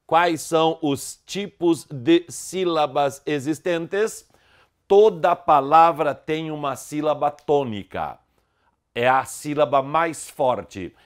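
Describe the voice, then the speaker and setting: A man giving an online grammar lesson, explaining word stress in a didactic way and slowly stressing syllables. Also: mid-range voice. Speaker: grammar teacher.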